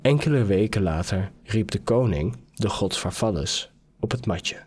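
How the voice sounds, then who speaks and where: A man narrating a scripted fairy tale as a podcast storyteller, measured and unhurried. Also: fairly low pitch, lively intonation, a little mellow, slightly rough. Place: podcast studio. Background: faint music.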